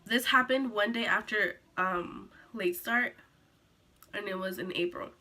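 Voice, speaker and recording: A teenage girl telling a sit-down story to her camera, rambling with lots of "like"s and restarts, a little hoarse from being sick. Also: medium pitch, unhurried, pushed and bright. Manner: rambling, filler-heavy, many "like"s and restarts. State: recovering from illness, coughing. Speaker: vlogger.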